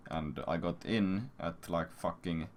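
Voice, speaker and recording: Slowly and casually, in streamer style, a very deep-voiced man rambles through a coarse anecdote laced with swearing for his stream audience. The recording carries clear background noise and the sound of a computer keyboard.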